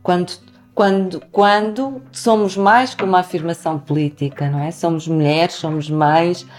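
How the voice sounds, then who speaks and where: A woman hosting a conversation, speaking in a measured, earnest way and building her points in lists. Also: lowish voice, steady tone, a little mellow, soft background music. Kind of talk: conversational discussion.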